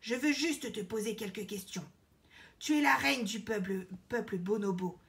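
A woman's voice: high-pitched, animated, moderate pace, fairly bright tone, voice pushed up. Woman voicing a haughty old lion king. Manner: haughty, commanding.

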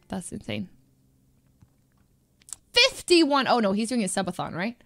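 A woman's voice: mid-range voice, big pitch swings, slow, creaky, fairly bright tone, no room sound. A woman livestreamer giving casual reaction commentary over livestream headset audio, giggling as she reads names aloud. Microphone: headset mic.

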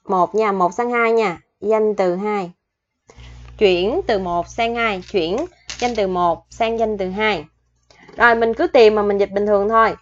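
A woman teaching Korean vocabulary, patiently slowing down to spell out the grammar and pronunciation rules. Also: medium pitch, steady tone, lo-fi sound. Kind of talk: explaining vocabulary lesson.

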